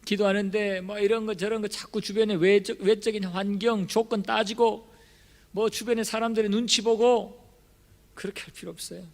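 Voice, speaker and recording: A male pastor preaching a sermon in a church, impassioned and emphatic, swinging between soft and loud delivery. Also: high-pitched, level tone, moderate pace. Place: church sanctuary. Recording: long reverb of a church hall.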